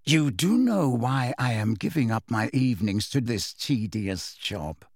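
Guy doing a cold sneery potions master, slow low drawl, dry close sound. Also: animated, darkish tone, no echo. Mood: sneering menace.

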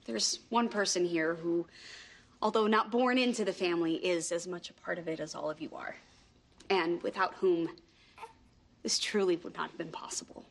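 Low, creaky-voiced sincere sitcom mother. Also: moderate pace. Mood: heartfelt. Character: warm new mother naming her baby. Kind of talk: sitcom acting, heartfelt speech.

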